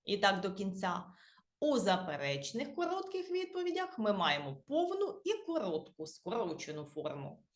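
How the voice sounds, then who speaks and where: Animated Ukrainian woman teaching grammar. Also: medium pitch, normal speed, echoey room. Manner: patient, spells out endings letter by letter, repeats key words. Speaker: English teacher. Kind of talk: explaining grammar to beginners.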